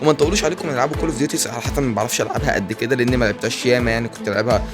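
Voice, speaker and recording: A young man with an Egyptian Arabic accent giving casual, excitable commentary over a video game he is playing. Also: mid-range voice, music in the background. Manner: excitable, rapid banter and repeated exclamations. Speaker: gaming YouTuber.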